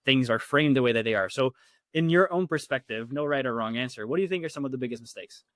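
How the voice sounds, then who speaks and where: A male interview host from Latin America with an average-pitched voice. He talks quickly and casually, putting questions to his guest. The recording is close and dry. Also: fairly bright tone, no room sound. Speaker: podcast host.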